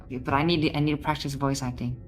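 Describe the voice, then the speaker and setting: A woman's voice: extremely low pitch, steady tone, fast, music in the background. A woman chatting casually as a livestreamer while voice acting a game. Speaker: streamer voicing a game.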